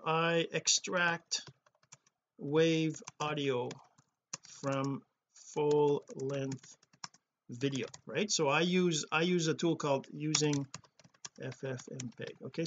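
Halting man thinking aloud. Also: on the high side, fairly bright tone, muffled recording, slight background noise. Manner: halting, thinking aloud, restarting and correcting himself. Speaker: podcast host. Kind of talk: screen-share walkthrough.

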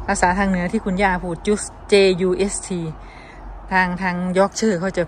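A woman's voice: medium pitch, flat delivery, moderate pace, a little hiss or hum. A woman with an Isan Thai accent, chatting casually to her viewers in a vlog while showing a garden outdoors. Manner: chatty, addresses viewers as brothers and sisters. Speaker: vlogger.

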